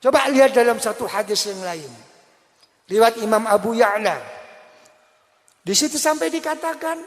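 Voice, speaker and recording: A man preaching a sermon, slow and emphatic, dropping low and soft when he acts out pleas and dialogue. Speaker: Islamic preacher. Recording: long hall reverb.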